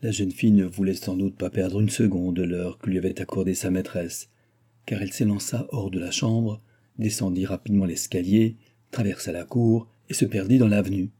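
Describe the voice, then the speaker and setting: A man reading a classic novel aloud in steady, literary narration. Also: low-pitched, moderate pace, slightly rough. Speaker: audiobook narrator. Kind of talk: scripted narration.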